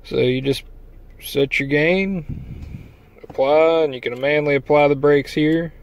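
With a fairly high pitch and fairly even intonation, a man speaks at a measured pace over lo-fi sound. He's casually reviewing a truck accessory he installed in a walkthrough vlog, rambling folksily with fillers and filming on a handheld phone both inside the truck and outside by a trailer.

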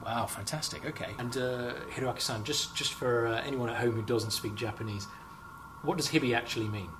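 A man's voice: mid-range voice, brisk. Young man, upbeat host, chatty with fillers, lab hum behind. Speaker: marketing host. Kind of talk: corporate product interview. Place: company lab, indoors, standing. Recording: lab background noise.

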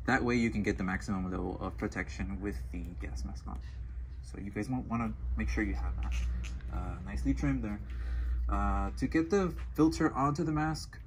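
A man speaking through a gas mask while giving a relaxed product tutorial, with many ums and uhs. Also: lowish voice, a little hiss or hum, low-quality recording. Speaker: product demonstrator.

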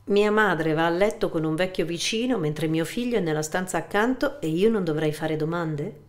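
A woman reading the part of a bitter grown son who accuses with sharp questions, in a low voice. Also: moderate pace, natural voice. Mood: accusing. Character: bitter, suspicious grown son, middle-aged man.

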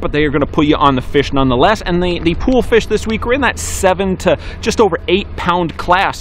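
A man's voice: a little high, a little hiss or hum. Upbeat man giving a fishing report. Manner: brisk, upbeat delivery with fillers. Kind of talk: weekly fishing report to camera. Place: outdoors on a dock by a harbor.

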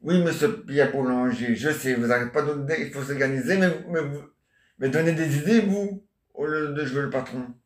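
A man's voice: medium pitch, normal speed. A man doing a rambling improvised comic monologue, answering imagined listeners and tacking on questions. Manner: chatty, answers imagined listeners, constant "hein?" and "ah ouais". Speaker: amateur solo stage performer. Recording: echoey room.

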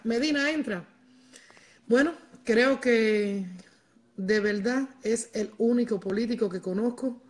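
Her voice is fairly high-pitched and a little mellow. A middle-aged livestream host with a Cuban accent, she speaks straight to viewers in a casual, emphatic, repetitive style. She broadcasts from the large living room of her home through a wired earphone microphone.

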